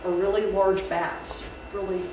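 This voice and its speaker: A woman addresses a library audience on folklore, relating folk tales and old beliefs loosely, with many restarts and fillers. Her voice is medium in pitch and measured in pace. She's recorded from afar in a very echoey room, and steady background noise runs under her.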